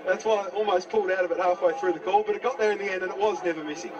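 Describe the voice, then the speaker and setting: An Australian man gives live play-by-play of a football match. His voice sits a bit high and climbs when play gets exciting. He is picked up slightly away from the microphone. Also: very fast, lo-fi sound. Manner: builds to excited raised-voice calls. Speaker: local radio football commentator. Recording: slightly distant mic.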